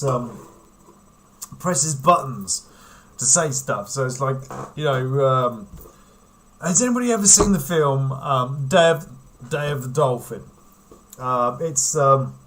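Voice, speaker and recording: A man's voice: medium pitch, fairly bright tone. A man hosting a casual livestream, rambling and giggling as he chats with viewers. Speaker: livestream host.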